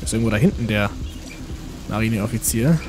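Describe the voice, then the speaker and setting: This let's play host has a lowish voice and speaks a little fast, loosely rambling to himself and addressing the game's characters as he plays, with game music running underneath.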